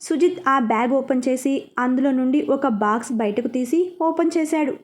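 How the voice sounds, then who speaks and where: A woman's voice: sits high, normal speed. A woman narrating a serialized story, reading every part expressively. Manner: expressive, lively reading of all parts.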